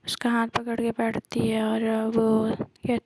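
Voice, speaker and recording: A woman casually retelling a love story in a soft, half-whispered voice, pausing often on fillers. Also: on the high side, monotone, background noise. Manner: hesitant, many filler pauses.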